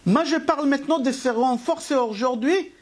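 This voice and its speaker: A man's voice: very high voice, normal speed. A man teaching a live religious lesson to an online class, emphatic and driving, asking rhetorical questions and answering them himself. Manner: emphatic, asks and answers his own questions. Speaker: Torah teacher.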